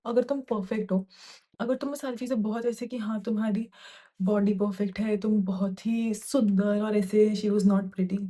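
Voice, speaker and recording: A woman's voice: on the high side, mellow. A young woman from India telling a hostel story to camera in casual Hindi, heated and indignant, slipping in English phrases. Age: young adult.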